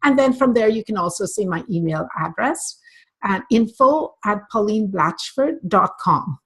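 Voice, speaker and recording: A woman's voice: medium pitch, expressive, a little slow, slightly rough. An older woman from Barbados, a guest coach speaking earnestly and passionately in an online interview, often restarting her sentences. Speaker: guest, optometry practice coach.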